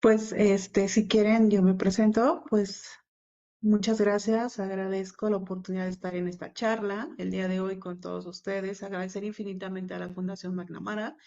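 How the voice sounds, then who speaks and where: A woman's voice: medium pitch, flat delivery, moderate pace, dark tone. A woman with a Mexican accent speaking as a panel guest, hesitant, with many fillers and restarts. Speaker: panel guest, university academic assistant. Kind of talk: panel talk. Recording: dull lo-fi sound.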